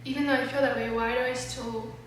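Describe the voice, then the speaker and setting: A woman's voice: fairly high pitch, level tone, brisk. A young woman telling a candid, rambling personal story to camera, swearing often and filling her talk with fillers. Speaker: vlogger. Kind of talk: confessional storytime monologue. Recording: echoey room, mic set far off, faint noise.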